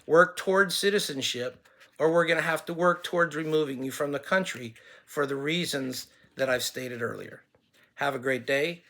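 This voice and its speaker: Speaking to camera in a formal address, this man, whose native language is English, stumbles through Spanish with many restarts and eventually shifts into English. His earnest message ends in blessings, delivered in a somewhat high, slightly bright voice.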